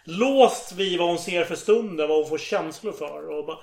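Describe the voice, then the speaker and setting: In casual conversation, a man with a high, gravelly voice retells a story, animated and eager to act out every quoted line. A noticeable room echo colors the recording.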